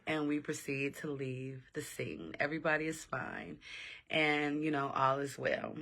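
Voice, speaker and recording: A middle-aged woman from Los Angeles, hosting and telling a personal story in a casual, animated way, often laughing. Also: rumbling low, measured pace, creaky. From South Central Los Angeles. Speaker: host, personal growth coach.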